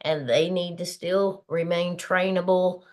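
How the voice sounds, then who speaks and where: A woman's voice: fairly low pitch, steady tone, unhurried, darkish tone. A woman in her fifties hosting a motivational talk show, earnest and encouraging, often laughing as she talks. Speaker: podcast host.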